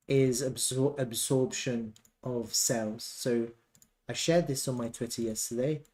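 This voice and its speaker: A man hosts a live market analysis stream as a trading educator, offering live chart analysis commentary. He explains step by step and repeats key points for emphasis, his voice medium in pitch with a darkish tone.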